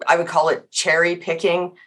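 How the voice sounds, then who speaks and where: A middle-aged woman, a guest on a casual podcast discussion, animated and emphatic, with many fillers and restarts. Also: on the low side, normal speed.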